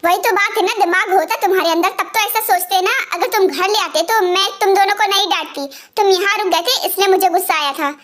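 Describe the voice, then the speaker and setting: एक महिला द्वारा बोली गई बहुत ऊँची आवाज़ वाली सख़्त माँ. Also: female voice, very high-pitched, a little fast, hardly any pauses. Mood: stern. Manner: sharp, scolding, bossy. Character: strict scolding middle-aged mother. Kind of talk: amateur fan dub.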